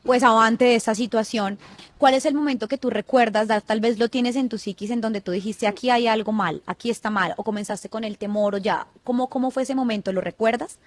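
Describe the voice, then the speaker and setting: Woman host, slightly high voice, gentle probing questions, dry close sound. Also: steady tone, a little fast, dry recording. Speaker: interview host. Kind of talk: conversational interviewing.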